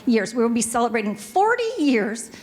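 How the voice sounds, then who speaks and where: A middle-aged woman with a Pacific Northwest American accent, speaking on a business panel into a handheld microphone in a hotel ballroom, chatty and quick, joking with the audience. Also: on the high side, very animated, a little mellow. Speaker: panelist, music store owner. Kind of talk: panel talk to a live audience.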